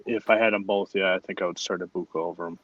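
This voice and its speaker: A man with a low voice co-hosts a casual sports chat and gives blunt, matter-of-fact takes. His mic is dull and lo-fi, with a close, dry sound. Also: steady tone, fast talker, a bit bright, no room sound. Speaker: podcast co-host. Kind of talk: casual fantasy football chat.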